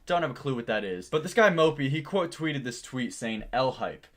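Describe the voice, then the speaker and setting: A man with a mid-pitched voice delivers a casual exposé commentary. He is sarcastic and scornful about what he describes. He leans on key words and swears freely as he makes his case. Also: lively intonation, fairly quick, a bit bright. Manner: emphatic, heavy casual swearing. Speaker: YouTube drama commentator.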